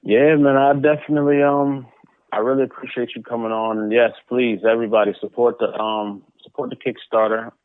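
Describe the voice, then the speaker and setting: This man's pitch sits in the middle and his intonation stays fairly even as he speaks briskly, with no echo. He's an interview guest who publishes comic books, chatting loosely and repeating words and phrases. It all comes through a muffled, phone-like line.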